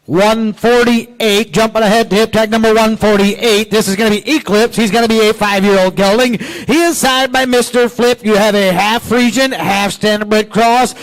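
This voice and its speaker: Male ring announcer, high voice, easygoing lot descriptions. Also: fairly even intonation, moderate pace, few pauses, low-quality recording. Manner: plain conversational, relaying seller's notes. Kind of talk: describing sale lots. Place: livestock auction barn.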